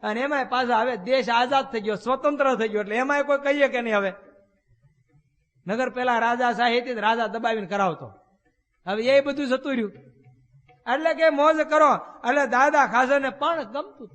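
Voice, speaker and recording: A man, a swami preaching in a temple hall, and his voice sits very high for a man. He tells folksy tales and keeps asking his listeners rhetorical questions. The sound rings with a long hall reverb. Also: fairly quick, a bit bright. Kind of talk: storytelling sermon.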